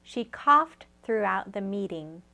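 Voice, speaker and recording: Female reader, lesson example sentences, clear and plain, mid-pitched. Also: expressive, slow, bright, forceful tone. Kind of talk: scripted lesson reading.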